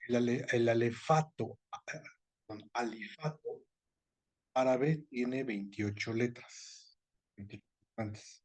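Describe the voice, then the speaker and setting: A man teaching a seminar class, explaining step by step at an even pitch and often stopping to repeat or correct his words. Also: slow, pauses often. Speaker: seminar lecturer on etymology.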